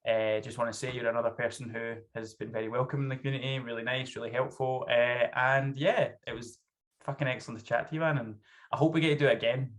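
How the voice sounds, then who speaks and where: A man's voice: mid-range voice, fairly even intonation, fast talker. A man in his thirties with a thick Scottish accent, chatting casually as a guest author in an interview. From Scotland. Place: small home room, video call. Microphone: video call.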